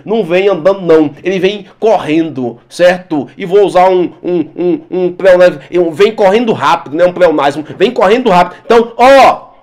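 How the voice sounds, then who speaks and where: A male teacher giving a lively exam-prep lesson, repeating words for emphasis and talking straight to his students. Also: high-pitched.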